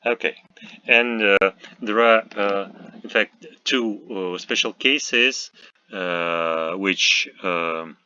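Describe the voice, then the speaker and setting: A man with a Russian accent teaching a language lesson, talking slowly and deliberately with many "uh" pauses and repeated example words. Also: sits low, sharp tone, dry recording, lo-fi sound.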